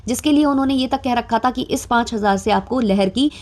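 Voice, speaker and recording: A woman's voice: on the high side, a little fast, a little mellow. A young adult woman talking through gossip commentary in a chatty way, with frequent filler sounds and a mildly sarcastic edge. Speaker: commentary vlogger.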